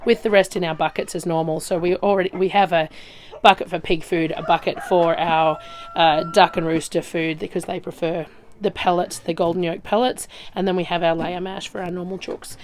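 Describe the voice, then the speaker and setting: An Australian woman with a gravelly, slightly raspy voice chats casually as she walks around and shows her homestead. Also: on the low side, little pitch movement, a little fast, few pauses. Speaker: vlogger showing her homestead. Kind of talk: casual walk-and-talk chat. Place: outdoors by chicken pens on a rural property. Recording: outdoor farm noise, loud poultry. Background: roosters crowing, hens clucking, guinea fowl.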